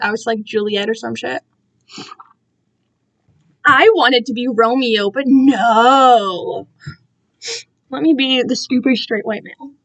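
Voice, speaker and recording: Her voice is a little high, creaky, and a bit bright as this young woman chats with her stream audience alone in her room. The talk is rambling and slangy, with self-deprecating comments along the way.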